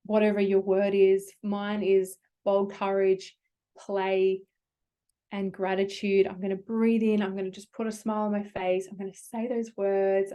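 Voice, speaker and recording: A woman's voice: medium pitch, mellow. A woman, a business coach giving a workshop talk, speaking conversationally with many "like"s and restarts. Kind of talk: workshop talk with personal anecdotes.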